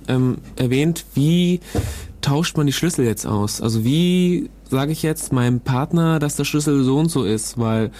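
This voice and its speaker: A man co-hosting a podcast, explaining a technical topic in a loose, hesitant way, often pausing to search for words. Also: mid-range voice, dark tone. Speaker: podcast co-host explaining cryptography. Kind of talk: casual explanatory podcast chat.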